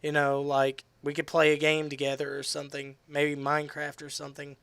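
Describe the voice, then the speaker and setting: A man chatting casually on a game live stream, rambling with restarts and fillers, his voice tiring and going hoarse. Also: fairly high pitch, monotone, a little fast, fairly bright tone, no room sound. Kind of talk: casual live-stream chat while gaming.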